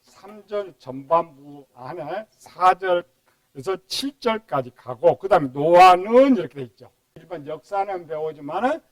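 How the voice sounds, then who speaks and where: A man's voice: high voice, animated, a little slow, dry recording, poor audio. A male pastor preaching a midweek sermon, asking rhetorical questions and mimicking complainers.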